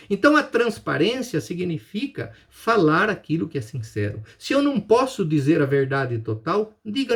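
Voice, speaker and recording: A man with a Brazilian Portuguese accent giving a business lecture, emphatic, asking and answering his own questions. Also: high voice. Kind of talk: recorded lecture.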